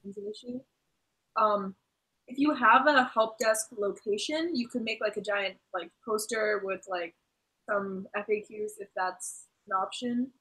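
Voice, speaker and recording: A woman on a student help desk, her voice going hoarse, explaining practically with some hesitation. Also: medium pitch, unhurried, pushed and bright, rough recording. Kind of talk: casual discussion.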